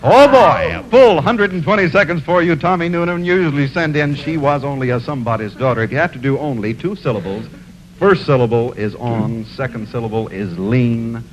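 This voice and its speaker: A man's voice: mid-range voice, animated, a little fast. A man hosting a TV game show, joking and bantering with the players. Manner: jovial, joking. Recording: noisy early 1960s TV broadcast.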